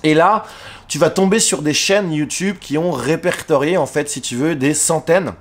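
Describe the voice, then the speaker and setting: A man's voice: a little high, moderate pace. A man talking straight to camera in a casual video tutorial, chatty and informal with many fillers and restarts. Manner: addresses the viewer informally. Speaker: YouTuber giving tips. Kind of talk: casual face-cam tutorial. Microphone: face cam.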